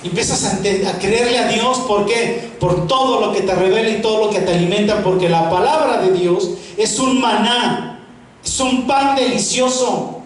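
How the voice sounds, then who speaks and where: A man preaching a Bible lesson in an animated way, asking rhetorical questions and repeating words for emphasis. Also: sits high, normal speed, slight background noise. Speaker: preacher teaching a theology class. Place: large echoing church hall. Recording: very echoey hall, voice far from mic.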